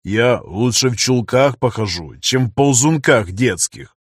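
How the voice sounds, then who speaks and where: A man's voice: mid-range voice, animated, measured pace, no room sound, clean studio sound. A man voicing a grumpy male fairy-inquisitor who grumbles and gets riled easily. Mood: defensive. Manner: gruff, grumbling.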